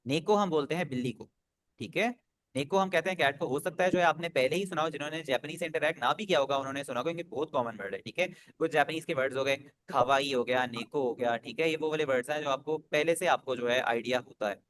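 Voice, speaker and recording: Patient male language teacher, slightly high. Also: fast talker. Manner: patient, drills pronunciation, repeats "ठीक है". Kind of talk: online class instruction. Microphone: video call.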